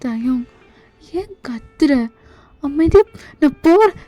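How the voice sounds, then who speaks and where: A woman's voice: high voice, animated, takes it slowly, warm tone, no echo, faint music behind, voice pushed up. A woman voicing an upset young girlfriend in a fan voice drama, with a hurt, defensive, pleading manner.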